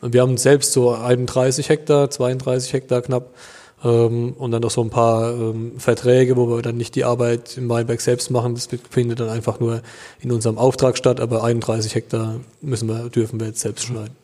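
Speaking briskly in a mid-range voice, a man from Germany in his 30s who makes wine responds to an interviewer. He's relaxed but hesitant and leans heavily on fillers. The sound has a big-room quality.

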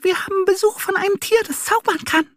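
A man voicing a group of tiny excited mice in a children's story, in a squeaky, breathy whisper. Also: fast talker, dry recording. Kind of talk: storybook character voice.

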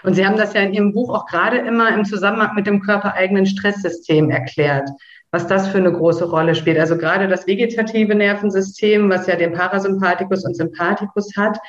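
A woman's voice: mid-range voice, steady tone, fairly quick. A woman hosting a podcast interview, eager and effusive as she introduces and questions her guest. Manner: eager, effusive, repeats "spannend". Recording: roomy, dull lo-fi sound.

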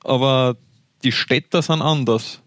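A man with an Austrian accent chatting as a podcast co-host in a measured, candid way. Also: medium pitch, fairly bright tone, no room sound, clean studio sound. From rural Austria. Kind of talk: casual sports podcast chat.

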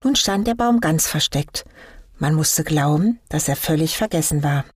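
A woman reading a fairy tale aloud in a calm, measured storytelling manner. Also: low-pitched, slightly rough, dry recording, studio quality. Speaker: story reader.

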